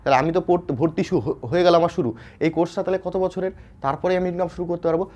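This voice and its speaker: Man, West Bengal Bengali accent, teacher, fairly high voice, casual explaining, checks in often. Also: fairly even intonation, quick pace, a little mellow. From West Bengal, India. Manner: informal, repeats "ঠিক আছে?" to check understanding, frequent fillers and restarts. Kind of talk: explainer lesson addressed to students.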